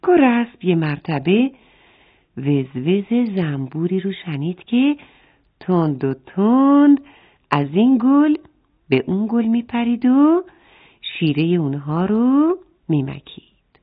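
A woman telling a bedtime-style children's story. Her voice rises and falls a lot as she narrates, and she often stops to address the children. The sound is narrow and phone-like. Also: medium pitch. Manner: expressive, speaks directly to the children.

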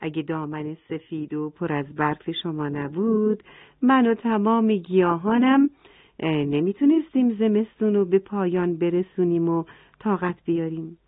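The green Earth in a children's storybook, voiced by a woman, gentle and earnest in its thanks. The delivery sits slightly low. The sound is tinny like a phone call, and dry. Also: no room sound, lightly acted. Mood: grateful.

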